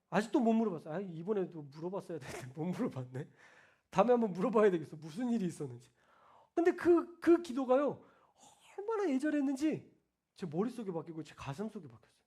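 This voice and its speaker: A male pastor preaching a sermon in a colloquial way, talking straight to the congregation and moving between loud, emphatic declarations and soft, hushed asides. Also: high voice, big pitch swings, quick pace, husky. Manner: colloquial, addresses the congregation directly.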